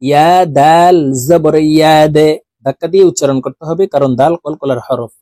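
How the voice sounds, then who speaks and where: A man teaching Quran reading, spelling out syllables slowly and adding quicker, quieter explanations. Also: fairly high pitch, fairly even intonation, dry recording. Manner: drawn-out spelling drills, quicker quieter asides. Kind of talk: slow recited lesson with explanations.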